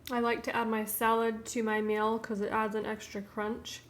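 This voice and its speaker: A woman narrating a casual cooking vlog in her home kitchen, calmly describing each step as she plates dinner. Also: on the high side, echoey room. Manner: slow, homely commentary while plating food.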